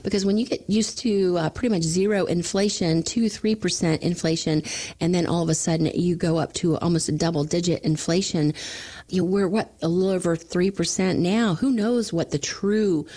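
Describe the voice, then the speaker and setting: A middle-aged woman from Florida, a financial advisor talking casually on a radio show, chatty with quick asides. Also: fairly low pitch, fairly even intonation, warm tone.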